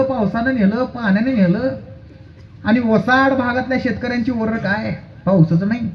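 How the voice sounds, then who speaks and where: High-voiced male kirtan preacher with music. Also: muffled recording. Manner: rhetorical questions, storytelling, breaks into song. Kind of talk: devotional kirtan sermon with sung verses.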